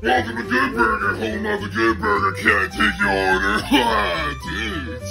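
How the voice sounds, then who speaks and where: A man speaking in a deep, booming voice from inhaling a heavy gas, playful and sing-song in a silly comedy skit. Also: lively intonation, unhurried, gravelly, over music. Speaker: guest.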